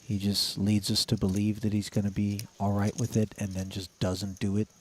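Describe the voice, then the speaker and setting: Male poker commentator, soft-edged mellow tone, wry delivery, slight background noise. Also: on the low side, monotone, normal speed. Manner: dry, wry humour. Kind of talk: live poker commentary with bantering asides. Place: commentary booth. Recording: faint background noise and clicks.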